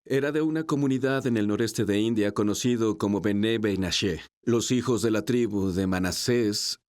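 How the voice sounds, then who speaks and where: A man from New York, an interview guest, telling his story in a measured, conversational way. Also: lowish voice, darkish tone.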